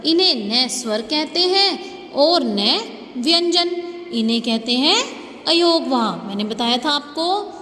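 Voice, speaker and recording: A woman school teacher giving a slow, patient grammar lesson to young students, often checking that they follow. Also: high-pitched, sharp tone. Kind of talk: online class lesson. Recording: echoey room with faint ambience.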